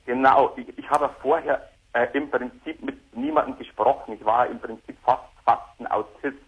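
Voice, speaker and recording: A man in his thirties calling in on a speakerphone headset, talking in a hesitant, halting way over a dull phone line. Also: medium pitch, fairly even intonation, breathy edge. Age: 30s. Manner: hesitant, halting, repeats words. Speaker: caller. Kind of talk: call-in radio conversation.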